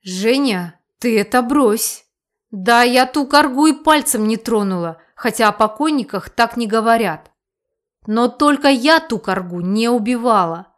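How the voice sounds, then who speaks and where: A woman voicing a hot-tempered, defensive village shopkeeper who shouts back indignantly in an audiobook reading. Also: on the high side, a little slow, lightly acted. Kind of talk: audiobook character voice.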